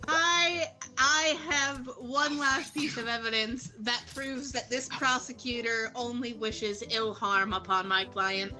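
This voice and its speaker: A woman with a slightly high voice plays a defense lawyer on a game stream, addressing the judge with mock drama. Between arguments she cheerfully welcomes her viewers. She talks into a home streaming mic. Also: fairly even intonation, takes it slowly, hardly any pauses. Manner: dramatic mock-lawyer delivery with cheerful chat shout-outs. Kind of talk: playful courtroom role-play on stream.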